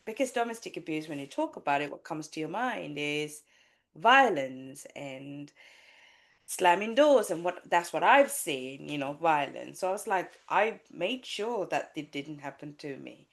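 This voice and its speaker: Appearing as a podcast guest, a low-pitched woman from Sri Lanka who works as a life coach and has a child works through a personal story candidly and haltingly. Her intonation is lively, and she often restarts her sentences and stops on fillers.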